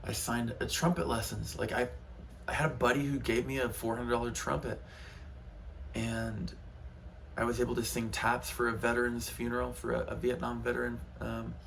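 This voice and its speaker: Gravelly-voiced man teaching guitar casually. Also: mid-range voice, flat delivery, normal speed, fairly bright tone, slight background noise. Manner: rambling, frank, heated at times. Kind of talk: casual spoken guitar lesson.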